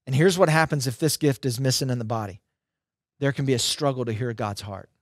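A man's voice: medium pitch, fairly quick, no echo, clean studio sound. A middle-aged man giving a conversational sermon as a preacher, emphatic, with punchy short phrases and repetition, on a headset microphone. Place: dark indoor studio.

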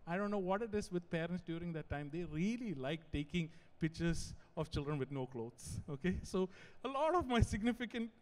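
High-pitched young pastor in a reverberant hall. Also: male voice, normal speed, few pauses. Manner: animated, digressive, joking asides. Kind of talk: sermon. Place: large church hall. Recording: long church-hall reverb.

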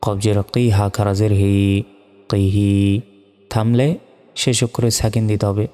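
Slow, low-voiced man teaching Quran reading. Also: flat delivery, mellow. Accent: Bangladeshi Bengali. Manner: spells letters and vowel marks syllable by syllable, then chants the verse. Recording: reverberant hall sound with faint music.

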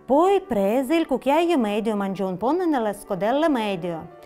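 Expressive woman reading a fairy tale. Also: fairly high pitch, soft background music. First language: Russian. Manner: slow, expressive storybook delivery. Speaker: storyteller.

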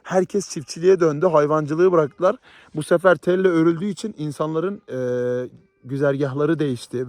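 A man's voice: a little high, darkish tone, dry recording. A man from Southeast Turkey vlogging outdoors in a rural village, chatty and playful with a teasing manner. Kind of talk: casual vlog chat.

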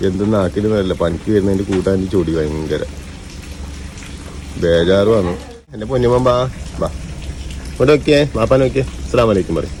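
A man's voice: low-pitched, brisk, pauses often, a little mellow, slight background noise. A young father, coaxing his small children in a casual family vlog and repeating the same fond words over and over. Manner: sing-song coaxing, repeats "mone" and "va" over and over. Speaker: father vlogger. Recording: music playing behind the voice.

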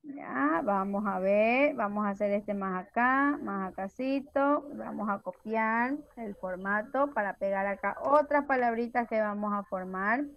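A woman's voice: medium pitch, unhurried, dull audio. A woman teaching young children in an online class, patient and affectionate, with many diminutives. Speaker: preschool teacher.

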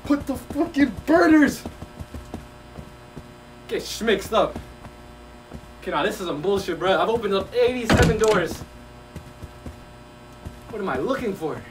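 A young man narrates his own VR horror run, switching from slangy trash talk to sudden yelps. His voice sits high and jumps all over the place. The mic picks him up from a distance, over a steady background hum. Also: normal speed, pauses often. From Mexico. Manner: excitable, swearing, yelps when scared, slangy trash talk. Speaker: gaming streamer. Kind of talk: VR horror gameplay commentary.

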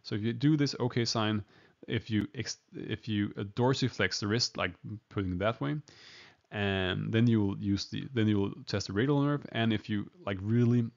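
A man's voice: on the low side, normal speed, vocal fry. A man giving an informal medical lecture, hesitant with many fillers and restarts. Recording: dull lo-fi recording.

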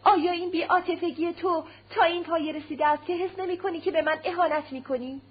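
Woman reader doing a distraught young wife, agitated, cries out, high raised voice, muffled audio, faint hum. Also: natural voice. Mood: indignant. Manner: agitated, stammering, crying out. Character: distraught young aristocratic wife, proud and desperate.

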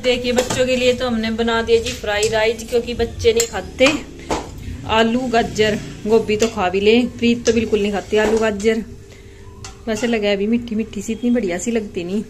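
Mom vlogging from her kitchen, kinda high voice, little bit of house noise behind. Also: steady tone, normal speed. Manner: chatty, addresses viewers as guys. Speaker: family vlogger, mother. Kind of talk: casual home vlog chat. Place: home kitchen.

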